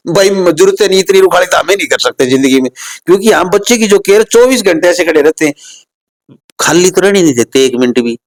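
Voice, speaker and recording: A man hosting an on-location interview, talking excitedly and pitching straight to his viewers. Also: low-quality recording. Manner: excited, promotional, addresses viewers directly. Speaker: host. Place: at a residential training institute.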